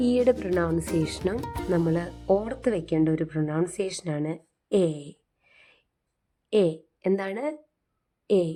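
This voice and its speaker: A woman's voice: lowish voice, mellow. A woman teaching English phonics, patiently spelling out letters and repeating each word with faint music behind. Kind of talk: slow teaching in Malayalam.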